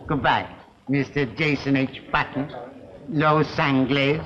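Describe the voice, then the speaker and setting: An actor playing a dignified, secretive gentleman in a 1930s film, speaking in formal, courteous phrases. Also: medium pitch. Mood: courteous, guarded. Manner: formal, measured, courteous wording. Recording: dull, hissy vintage film soundtrack.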